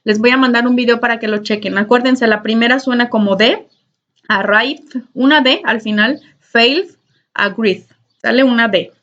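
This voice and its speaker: A woman's voice: a little high, fairly bright tone. A woman, teaching an online English grammar class in a patient, repetitive way and checking in often. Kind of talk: recorded online class lesson. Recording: dull lo-fi recording.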